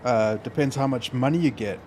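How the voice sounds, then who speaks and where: A man's voice: medium pitch, a little fast, darkish tone, slight background noise. A man with an Australian accent who streams games, chatting casually and joking with a friend. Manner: joking, laughs often. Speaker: game streamer. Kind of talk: casual gaming chat.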